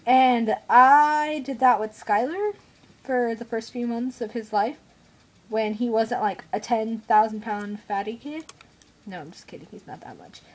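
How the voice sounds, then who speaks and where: A young mother vlogs in a slow, unhurried way, sharing strong opinions bluntly. She sounds stuffed up and nasal because she is unwell, and her voice sits a little high for a woman. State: congested, feeling unwell. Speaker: mother vlogger. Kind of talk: casual opinion vlog.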